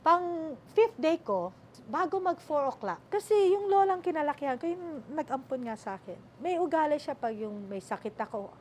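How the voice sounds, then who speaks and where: A middle-aged Filipino woman with a Filipino accent, telling her story as an interview guest, animated and acting out the voices she quotes. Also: high voice, moderate pace, slight background noise. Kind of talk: emotional sit-down interview.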